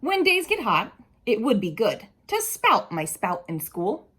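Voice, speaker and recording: A storyteller reads a picture book aloud to young children in a fairly high, slightly bright voice with a breathy edge. She speaks slowly and deliberately, swinging hugely in pitch, and mixes in casual asides and questions for her listeners.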